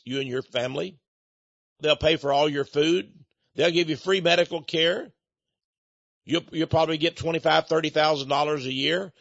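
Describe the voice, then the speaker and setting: High-voiced man ranting indignantly. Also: a bit bright, dry recording. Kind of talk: political commentary monologue. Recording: dull, dry lo-fi recording.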